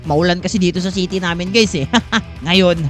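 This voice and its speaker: A man from the Philippines narrating a Minecraft role-play, jumpy and loud, constantly calling out to his viewers. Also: high voice, steady tone, normal speed, soft background music. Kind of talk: excited gameplay commentary and role-play.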